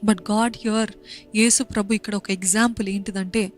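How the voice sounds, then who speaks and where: A woman's voice: mid-range voice, steady tone, a little slow, faint music behind. A young woman preaching a sermon in an earnest way, repeating phrases and mixing in English. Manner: switches between Telugu and English mid-sentence. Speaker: pastor.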